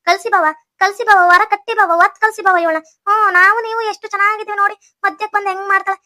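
A teasing, spiteful young woman in a cartoon, voiced by a woman. North Karnataka Kannada accent, a very high, bright voice that runs fast. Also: level tone, no room sound, clean studio sound. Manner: teasing, gloating whisper-like.

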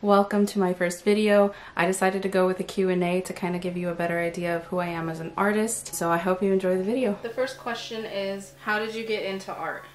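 A relaxed young woman, Arabic as her first language, chats through a painting Q&A from her couch in a small home room. The 20-something artist and vlogger talks fast at medium pitch with few pauses, leaning heavily on "like." Her camera, a few feet away, captures an echoey room.

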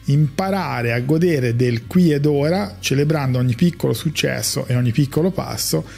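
Middle-aged psychologist guy, slightly raspy voice, measured reflective delivery, close studio mic. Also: mid-range voice, a little mellow. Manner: measured, reflective, gestures while talking. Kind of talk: calm explanatory monologue to camera. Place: small bright indoor room with a lamp. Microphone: large studio mic on a stand in front of him.

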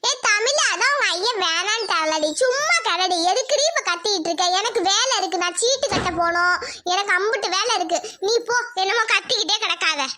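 A woman voicing a nagging, stubborn old village grandmother in a cartoon, speaking a with a shrill voice. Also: animated, a little fast, bright, forceful tone, a little hiss or hum, exaggerated voice. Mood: grumbling.

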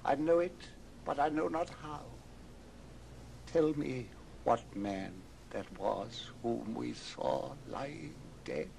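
An actor playing a frightened old miser in an old radio drama, theatrical and imploring. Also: male voice, medium pitch, slow pace, vocal fry, background noise. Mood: solemn dread. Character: frightened old miser Scrooge, pleading with a ghost. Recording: old record with music underneath.

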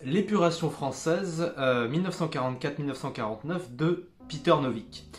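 A man giving a casual spoken book review, pausing often and restarting his sentences. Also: a little high, faint music behind. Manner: hesitant, many fillers and restarts; jokes about his own English accent.

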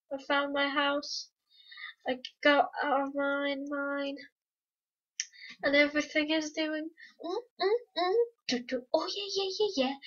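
A high, bright woman's voice talks slowly through casual game commentary, repeating herself and humming little tunes. The sound is dull and lo-fi, from a home gaming mic. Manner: excitable, repetitive, hums and sings to herself. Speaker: gameplay commentator. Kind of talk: casual let's-play commentary.

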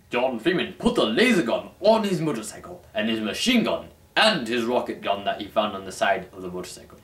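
Reading in an exaggerated, pompously formal manner, a young adult man hosts a mock-dramatic performance. His voice sits at medium pitch but rises and falls in lively, wide arcs. The audio is roomy and echoey, recorded by a camera microphone a short distance away in a small, dim room at home.

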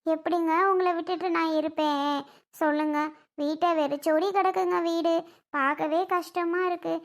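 A woman's voice: very high voice, steady tone, normal speed. A woman acting in a melodramatic family skit, pleading in a tearful voice.

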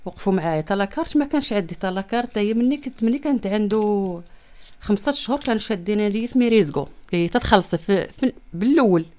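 Fast-talking Moroccan woman, plaintive. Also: mid-range voice, expressive, warm tone. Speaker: interviewee appealing for help. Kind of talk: personal plea in a street-press interview. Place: small room at home. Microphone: handheld reporter's microphone close to the mouth.

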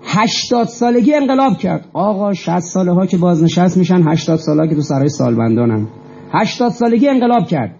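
A man's voice: high-pitched, big pitch swings, vocal fry, darkish tone, muffled recording, a little hiss or hum. A man giving an impassioned speech to an audience, emphatic, asking rhetorical questions and repeating phrases for force. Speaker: lecturer.

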